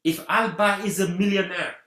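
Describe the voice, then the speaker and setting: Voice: medium pitch, steady tone, normal speed, bright, forceful tone. A guest from Senegal, giving an earnest talk on community unity and repeating rallying phrases. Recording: roomy echo.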